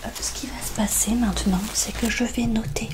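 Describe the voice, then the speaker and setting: In this ASMR roleplay, a woman plays a veterinarian, her whispered voice sitting on the high side and staying steady. She is soft-spoken and soothing, pausing hesitantly now and then.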